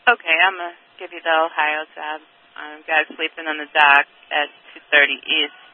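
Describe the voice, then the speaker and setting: A man's voice: on the high side, little pitch movement, normal speed. A man working as a police dispatcher, calling out units and addresses in a clipped, businesslike way over a police radio transmission. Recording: tinny radio band with faint static.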